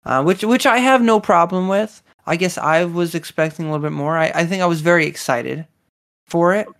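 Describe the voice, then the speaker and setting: A chatty podcast co-host talks through an episode in a relaxed, enthusiastic way. The voice sits at a middle pitch, with plenty of fillers and restarts. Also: fairly quick, vocal fry. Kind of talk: casual chat reviewing a series episode.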